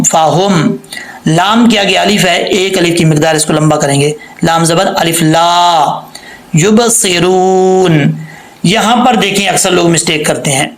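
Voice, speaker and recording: A man teaching Quran recitation rules, spelling out letters and vowel marks and then reciting words slowly and drawn out, sometimes asking and answering his own questions. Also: high-pitched, fairly bright tone, reverberant, rough recording. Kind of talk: tajweed lesson with slow demonstrations.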